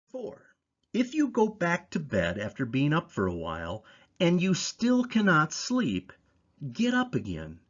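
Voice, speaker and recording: A man reading scripted educational material in a measured, didactic way, stressing key points like a presenter. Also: mid-range voice, dull audio. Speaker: presenter of a sleep education series. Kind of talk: scripted instructional narration.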